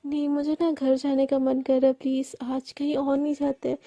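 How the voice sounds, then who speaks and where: A woman's voice: sits high, level tone, moderate pace, dark tone, dry recording, lo-fi sound. A woman voicing a heartbroken young woman who pleads to be left alone, tearful. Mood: pleading.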